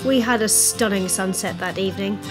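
A woman's voice: medium pitch, fairly quick. A woman in her forties narrating a sailing vlog and chatting plainly about the boat's plans. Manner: relaxed, chatty, plain-spoken. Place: catamaran cockpit, outdoors. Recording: loud background music.

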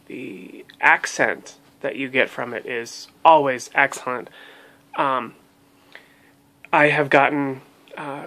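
This man's voice is medium in pitch, creaky and fairly bright. He's a language learning vlogger in his thirties, casually reviewing a language course to the webcam at his desk in a small room at home, with frequent ums and restarts.

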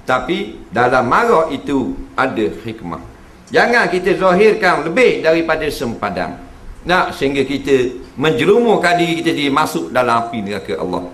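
A man's voice: on the high side, normal speed. Man lecturing. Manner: keeps checking in with the audience; lively, acts out quoted voices. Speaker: religious lecturer. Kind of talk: humorous religious lecture. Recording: echoey hall recording.

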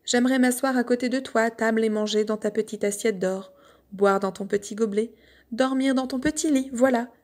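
A woman voicing an insistent frog in a fairy tale, in a high, sing-song calling voice. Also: fairly even intonation, brisk, darkish tone, natural voice. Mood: coaxing.

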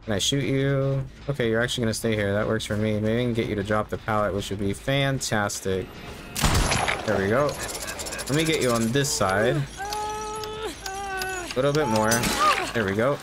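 A lowish-voiced streamer in his thirties talks a little fast through his gameplay. His live commentary is casual and laid-back, mostly him musing to himself, over clear background game ambience.

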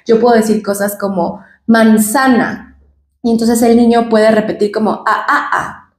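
A speech therapist with a Mexican Spanish accent talks patiently to the camera, explaining and acting out sample syllables. Her voice sits at an ordinary middle pitch for a woman. The room around her gives the sound a noticeable echo. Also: a little mellow. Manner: patient, explanatory, demonstrates sounds and word examples.

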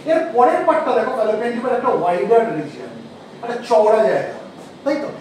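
Male teacher, very high voice, quizzing the class, echoey room with faint noise. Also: huge pitch swings, a little mellow. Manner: asks the class questions and repeats key terms slowly. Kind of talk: classroom lecture. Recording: echoey room, mic far off.

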